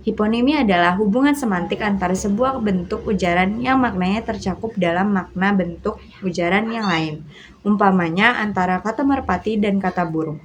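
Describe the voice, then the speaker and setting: A young woman, a university student, reading out definitions and examples in a class presentation in a steady, careful way. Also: mid-range voice, a little hiss or hum. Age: young adult. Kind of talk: reading a lecture on semantics.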